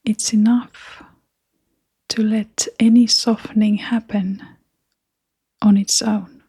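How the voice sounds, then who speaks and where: A woman guides a meditation in a gentle, breathy voice that is whispery and creaky, offering short phrases separated by long, unhurried pauses. Her mid-range voice keeps a level tone, and the studio-quality recording is dry.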